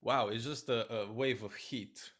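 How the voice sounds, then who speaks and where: A man from Romania, a flight attendant and host, chatting casually with a relaxed, storytelling manner. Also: mid-range voice, unhurried. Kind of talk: casual chat.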